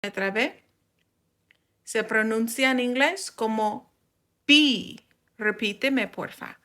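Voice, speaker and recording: A woman teaching the English alphabet in a bilingual lesson, drawing out each letter slowly for students to repeat. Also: fairly high pitch, fairly bright tone. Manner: slow, drawn-out modeling of letters for repetition.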